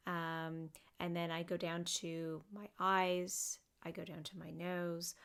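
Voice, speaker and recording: A psychotherapist, a woman with a smooth, lowish voice, walks through a guided body scan slowly and gently, using plenty of fillers.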